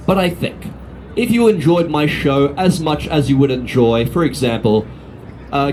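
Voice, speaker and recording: A slightly high, darkish voice belongs to a Melbourne sword swallower with an Australian accent doing comedic street patter. Addressing the crowd on an outdoor city street amid traffic, he acts the cheeky showman and teases both the audience and his volunteer.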